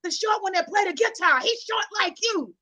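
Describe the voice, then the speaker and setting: A woman's voice: extremely high pitch, moderate pace, voice pushed up. Woman putting on a wailing dramatic granny. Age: older. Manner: shouting, wailing exclamations. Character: older grandmother, dramatic, urgent, wailing.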